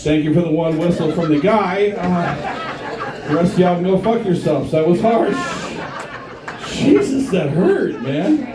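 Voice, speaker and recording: A man's voice: sits high, normal speed. Crude stand-up man in a roomy bar. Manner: crude, punchy delivery with crowd banter. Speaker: stand-up comedian. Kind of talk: stand-up comedy set. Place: comedy bar with a live audience. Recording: roomy live club sound from a distance. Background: audience laughing.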